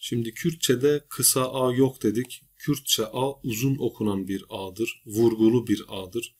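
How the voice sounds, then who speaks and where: A male teacher giving a recorded grammar lesson, patiently explaining and slowly repeating example words. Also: lowish voice. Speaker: language teacher.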